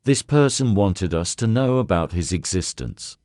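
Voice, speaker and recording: A man reading as a soft-spoken old detective. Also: sits low, animated, unhurried, no echo, clean studio sound. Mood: calm probing. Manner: soft, courteous questioning with French words. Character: elderly male Belgian detective, calm and probing.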